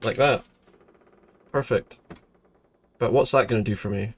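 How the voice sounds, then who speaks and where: A man's voice: fairly low pitch, measured pace, slightly rough. Dry, joking male let's play commentator. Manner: dry, joking, echoes game lines. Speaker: gamer commentator.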